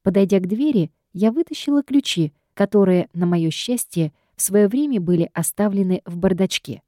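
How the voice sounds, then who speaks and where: A woman's voice: mid-range voice, mellow, dry recording, clean studio sound. A woman reading a first-person audiobook in a wry, sardonic storytelling manner. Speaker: audiobook reader.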